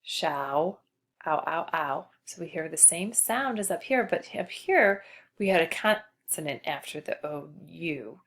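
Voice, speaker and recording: A woman teacher giving a patient spelling lesson to a child, slowly spelling out letters. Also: lowish voice, animated, gravelly, a bit bright.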